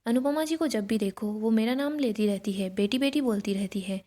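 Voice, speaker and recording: A woman's voice: fairly high pitch, moderate pace, mellow, lightly acted. A woman reading the lines of a proud young woman who mocks and provokes others, in a spoken recap of a TV serial. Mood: taunting. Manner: mocking, provoking.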